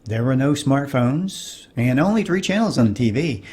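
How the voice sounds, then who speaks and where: A man's voice: medium pitch, lively intonation, moderate pace, darkish tone, a little hiss or hum. A middle-aged man giving wry, nostalgic comedic narration for a cartoon.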